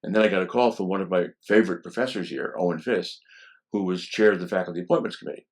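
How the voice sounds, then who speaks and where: A man in his seventies speaks in a deep, low voice. He is a law professor looking back on his early years. He tells his stories in a relaxed, anecdotal way and often pauses on "um". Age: 70s. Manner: relaxed and anecdotal, with frequent "um" fillers. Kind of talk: reminiscing interview storytelling.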